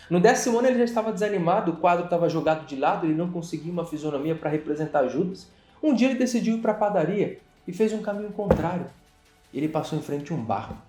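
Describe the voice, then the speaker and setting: A Brazilian man who is a guest on an interview, telling a motivational story in an animated, dramatic way and acting out other people's lines. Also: high voice. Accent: Brazilian Portuguese. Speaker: interview guest, business owner. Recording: echoey room with faint music.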